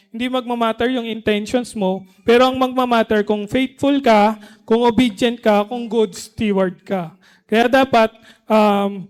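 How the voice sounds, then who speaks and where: High-pitched man preaching a casual sermon, reads verses slowly and keeps asking the room to agree. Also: clear, resonant tone. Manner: conversational preaching, frequent "di ba?" tag questions; switches between Tagalog and English mid-sentence. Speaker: pastor.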